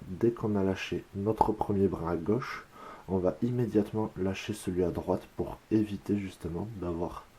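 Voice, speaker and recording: Low, dark-voiced French man teaching crafts. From France. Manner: calm, counts braiding steps aloud. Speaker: whip-making instructor. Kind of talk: step-by-step craft tutorial.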